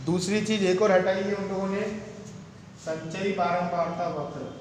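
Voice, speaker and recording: A man's voice: high voice, steady tone, normal speed, slight background noise. Man teaching in a very echoey room. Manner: asks students rhetorical questions and answers them. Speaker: math teacher. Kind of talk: classroom lecture. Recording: very echoey room with long reverb.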